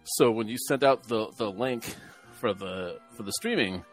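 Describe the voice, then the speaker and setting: A man's voice: fairly low pitch, normal speed, faint music behind. An older man co-hosting a podcast, telling a rambling, self-deprecating story in casual chat. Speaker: podcast co-host.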